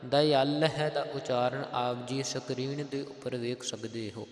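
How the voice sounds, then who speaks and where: A man teaching the correct recitation of scripture, chanting each verse slowly and then explaining how to pronounce it. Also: medium pitch, fairly even intonation. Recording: echoey room with long reverb.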